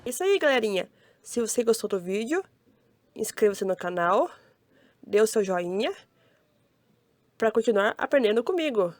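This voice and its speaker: A woman's voice: on the high side, big pitch swings, normal speed, pauses often, a little mellow, dry recording. A young woman with a Brazilian Portuguese accent, teaching young children to read in a cheerful, sing-song voice, sounding out syllables one by one. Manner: cheerful, sing-song, addressing kids directly. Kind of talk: slow, syllable-by-syllable children's lesson.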